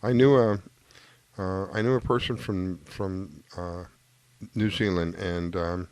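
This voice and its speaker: A man's voice: deep voice, steady tone, slow, darkish tone, no room sound. A man hosting a talk radio fishing show, chatting casually and reacting with frequent enthusiastic exclamations.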